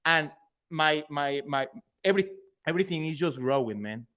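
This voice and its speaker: A young man whose first language is Spanish talks casually and eagerly as a guest on a podcast. His Mexican accent comes through in every phrase, and his fairly high voice keeps an upbeat, friendly tone. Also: animated, moderate pace, bright, forceful tone, clear, resonant tone. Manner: enthusiastic, peppers sentences with "man" and "dude". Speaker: podcast guest, roofing company owner. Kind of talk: casual interview chat.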